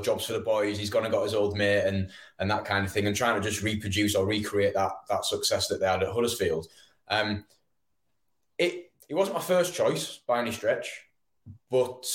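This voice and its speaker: A man with a Teesside accent chatting casually about football as a guest, hesitant and often repeating his words. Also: lowish voice. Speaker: podcast guest, football fan. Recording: roomy, echoing sound.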